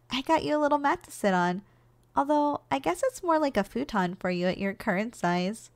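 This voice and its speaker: A woman with a voice on the high side plays a doting, gentle giantess secretary in an ASMR roleplay. She sounds caring, softly teasing, and slightly hesitant, with a helpful, bashful mood.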